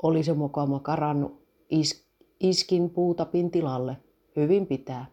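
A woman's voice: low voice, steady tone, dark tone. A woman voicing a hesitant, flustered man who rides an old motorcycle that keeps breaking down. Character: man, an unlucky vintage motorcycle rider.

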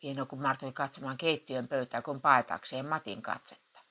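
Low-voiced woman reading a story. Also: fairly even intonation, sharp tone. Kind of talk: read-aloud narration.

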